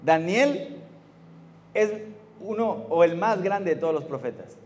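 A man's voice: sits high, lively intonation, unhurried, a little mellow. A man preaching a youth sermon, emphatic and full of rhetorical questions to the audience. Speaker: youth pastor. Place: church hall. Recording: hall reverb with faint music.

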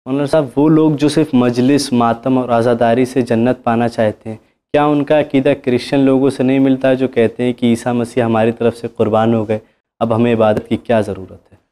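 Polite guy asking questions, keeps his voice flat and mellow. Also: mid-range voice, a little fast. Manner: polite, deferential, agrees with frequent "ji". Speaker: guest questioner. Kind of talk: interview questions.

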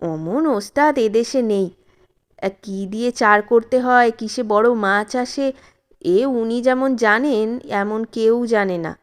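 A woman storyteller giving a calm, measured scripted narration of a classic short story. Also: a little high.

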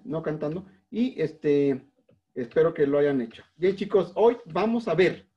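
A male music teacher with a Mexican accent, patiently explaining a lesson step by step to his students and filling his pauses with "este". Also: fairly high pitch, dark tone, muffled recording. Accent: Mexican Spanish. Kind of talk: recorded online class.

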